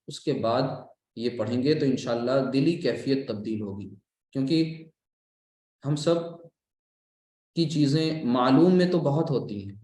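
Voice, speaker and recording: A man's voice: medium pitch, a little mellow, reverberant. A man giving a religious lecture, explaining patiently and repeating key terms as a teacher. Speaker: Islamic course lecturer. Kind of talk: religious lecture on Quran recitation.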